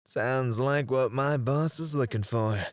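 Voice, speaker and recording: In an ASMR roleplay, a man plays a teasing, menacing captor questioning a prisoner. His mid-range voice is slow and intimate, with soft chuckles and whispers on a close mic. The acting is light, and there is no room sound.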